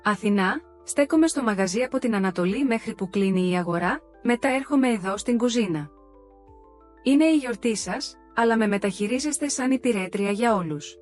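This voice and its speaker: A worn-out young wife at the end of her patience, voiced by a woman narrator. Her voice sits a little high. Soft music plays faintly underneath the storybook reading. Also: animated, lightly acted. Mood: indignant. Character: young hardworking wife, hostess, fed up.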